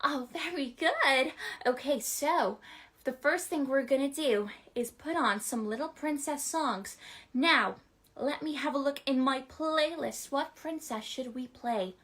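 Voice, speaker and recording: A woman playing a sweet, excitable princess, talking to children like a kids show host with sing-song wonder and encouragement. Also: high-pitched, a little slow. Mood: sweet, excited. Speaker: children's party entertainer. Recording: loud music over the voice. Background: music.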